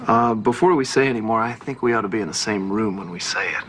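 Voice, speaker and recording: A man's voice: lowish voice, fast, fairly bright tone, a little hiss or hum, natural voice. A man acting in a TV drama as a tender, supportive character. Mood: tender, hesitant. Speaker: actor in a TV film.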